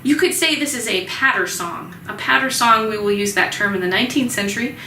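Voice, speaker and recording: A woman with a fairly high, bright, forceful voice gives a chatty, fairly quick recorded music history lecture full of ums, playfully imitating vendor cries and hen clucks from the music. The poor audio was recorded from a distance in an echoey room, with slight background noise.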